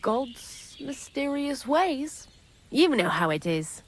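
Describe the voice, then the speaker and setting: A woman's voice: high-pitched, sing-song, slow pace, slight background noise, full character voice. A chatty, wry female thief. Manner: talkative, sardonic, gossipy. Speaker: miller's thief accomplice in a game. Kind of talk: video game dialogue.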